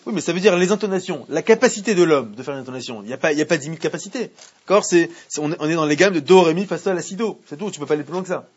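A muffled lo-fi recording captures a man teaching Torah to students in French, with Hebrew readings. His fairly high voice has a breathy edge and comes out rapid-fire, and he frequently quizzes the class and repeats his explanations.

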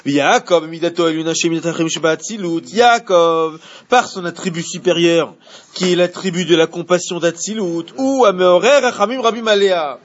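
Un homme qui donne un cours de Torah de façon animée et pose des questions à ses élèves. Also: male voice, high-pitched, moderate pace, muffled recording. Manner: animated, asks the class questions. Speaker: Torah teacher. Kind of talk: Torah class.

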